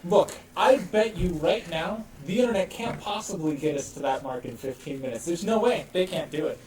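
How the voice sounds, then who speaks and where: A man's voice: sits high, normal speed, a little mellow, far from the mic. A man playing a card game at a live charity event, joking and teasing the other players. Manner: playful, teasing. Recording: echoey room from afar with crowd.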